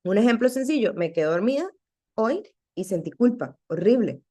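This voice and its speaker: Earnest woman teaching the faith, mellow tone. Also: on the high side, moderate pace. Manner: earnest, animated, checks in with rhetorical questions. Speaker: women's ministry teacher. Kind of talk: conversational devotional teaching.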